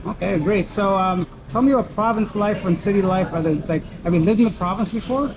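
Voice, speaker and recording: A man interviewing passers-by on the street, asking short friendly questions and giving quick affirmations. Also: high-pitched, rough recording.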